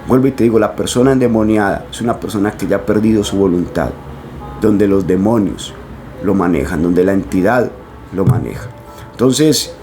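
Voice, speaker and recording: A man's voice: lowish voice, dark tone. Man preaching earnestly. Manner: earnest, warning tone, addresses parents directly. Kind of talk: preaching to camera.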